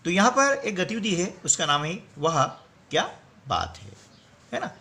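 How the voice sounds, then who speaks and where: A man's voice: high-pitched, very animated, a little slow, bright, forceful tone. A man teaching a workbook lesson, explaining step by step and often checking in with his students.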